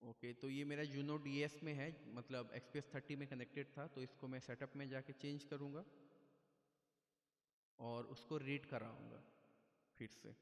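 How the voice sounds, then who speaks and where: Man explaining step by step in an echoey room. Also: medium pitch. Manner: plain, patient explaining with frequent "theek hai". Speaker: keyboard tutorial presenter. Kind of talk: casual step-by-step tutorial. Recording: echoey room with long reverb.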